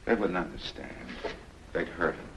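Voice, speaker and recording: A middle-aged actor playing a firm, lecturing husband who turns fretful when pressed, in hissy 1970s TV film audio. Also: male voice, deep voice, normal speed, vocal fry, fairly bright tone, low-quality recording. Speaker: homeowner and husband.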